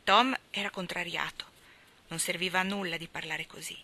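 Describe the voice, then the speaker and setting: A woman reading a novel aloud in a measured, expressive audiobook narration. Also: on the low side. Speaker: reader.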